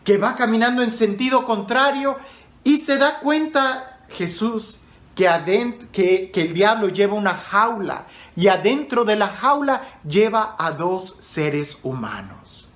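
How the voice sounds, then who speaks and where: A man's voice: sits high, lively intonation, slow pace, a bit bright. Male priest telling a story in an echoey room. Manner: conversational, addresses the listener directly. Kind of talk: sermon storytelling.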